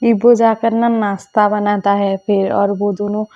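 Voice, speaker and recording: A woman's voice: mid-range voice, little pitch movement, a little slow, dry recording, dull audio. A woman telling a fan-fiction story in a chatty way with many fillers.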